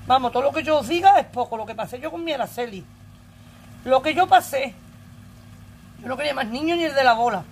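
A woman's voice: high-pitched, expressive, fairly quick, pauses often, slight background noise. Blunt earthy Andalusian woman storyteller. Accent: Andalusian Spanish. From Andalusia, Spain. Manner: earthy, blunt and emotional, swears freely. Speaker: vlogger. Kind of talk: casual storytelling to viewers.

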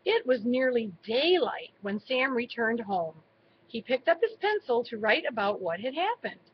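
A woman reading a children's storybook aloud in a slow, expressive way. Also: a little high, highs cut off, a little hiss or hum. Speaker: storybook reader. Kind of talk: read-aloud narration.

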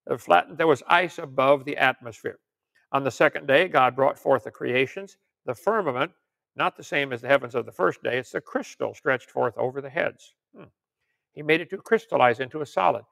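This older creationist lecturer and preacher has a voice on the high side, a bit bright, with vocal fry. In a casual teaching sermon, he reads out articles and questions from viewers, adding folksy joking asides.

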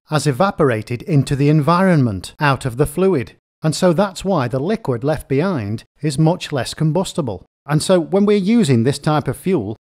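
A man's voice: on the high side, darkish tone. A man giving a methodical, step-by-step repair lesson in plain explaining narration. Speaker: repair technician explaining chainsaw faults. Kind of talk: instructional narration.

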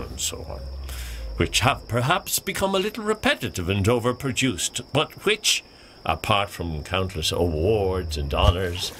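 In a mock-serious animated short, an actor plays a pompous, excitable male nature documentary presenter, theatrical and self-important. As narrator he uses an exaggerated voice that sits low, with music playing behind him.

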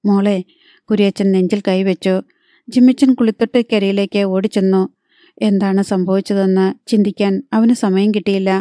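A woman reading a novel aloud as an audiobook narrator in a measured, even storytelling manner, close to the mic. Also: mid-range voice, no echo.

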